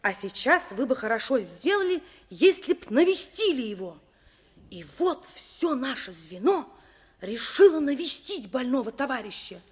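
A high, youthful voice of an earnest schoolboy, in a children's radio play. He speaks expressively and emphatically, a conscientious friend who can turn bossy. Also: big pitch swings, moderate pace, husky, exaggerated voice. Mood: earnest narration. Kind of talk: dramatised children's story narration and dialogue.

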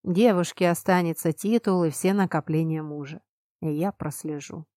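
A grim young prince, as a woman narrator puts him on, hoarse and quiet with cold restraint. The voice sits low and soft in a dry, close storybook reading. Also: normal speed, no room sound, close to an everyday voice.

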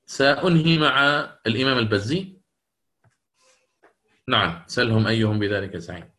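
Man, recitation teacher, lecture, bright tone, explains step by step, drawn-out chanted examples. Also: mid-range voice. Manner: explains step by step and asks questions back. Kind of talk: recorded lecture on recitation rules.

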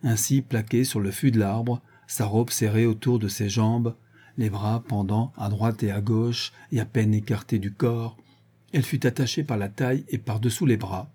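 Very dark-voiced male audiobook narrator. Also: fairly low pitch, fairly even intonation, moderate pace, husky. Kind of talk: dramatic literary narration.

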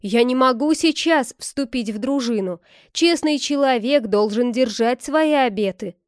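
A woman's voice: fairly high pitch, a little slow, smooth, no room sound, clean studio sound, natural voice. Woman voicing a stubborn stout monk. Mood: firm. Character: jolly stout male monk, stubborn about his vows.

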